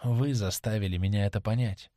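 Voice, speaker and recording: A man's voice: on the low side, steady tone, brisk, dark tone, no echo, studio quality, pitched below the performer's own voice, lightly acted. A man reading as a passionate young actress. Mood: impassioned. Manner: impassioned, pleading. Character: young woman, a stage actress, passionate and devoted. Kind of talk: audiobook reading.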